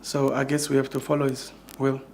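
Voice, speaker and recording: A man's voice: mid-range voice, completely flat delivery, fairly quick, a little mellow, a little hiss or hum, natural voice. An actor playing a weary, exasperated man who is welcoming mourners after his uncle's death. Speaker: bereaved nephew hosting mourners.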